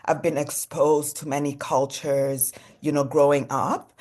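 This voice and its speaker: A woman's voice: deep voice, a little slow. A young adult woman from Congo, a fashion designer guest, talking casually in an interview, filling her speech with "you know" and "like". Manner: relaxed, many "you know" and "like" fillers.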